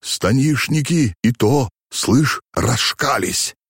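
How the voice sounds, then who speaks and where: A man voicing a burly young coachman who speaks in a steady, folksy manner. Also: mid-range voice, takes it slowly, slightly rough, no room sound, studio quality, pitched above the performer's own voice, heavily acted. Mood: wary. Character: burly young male coachman, calm and superstitious.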